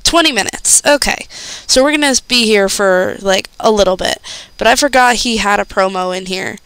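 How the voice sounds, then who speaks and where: A young woman streamer rambles in a loose, chatty way, thinking aloud between fillers. Her voice is smooth and clear, recorded close and dry with no room sound. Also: mid-range voice, normal speed, a bit bright, dry recording, poor audio. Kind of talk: casual chat, reacting to a video.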